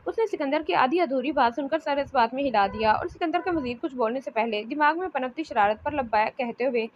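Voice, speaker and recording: Female novel narrator, high-pitched, steady reading, faint hiss. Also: fairly quick, highs cut off. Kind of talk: reading a romance novel aloud.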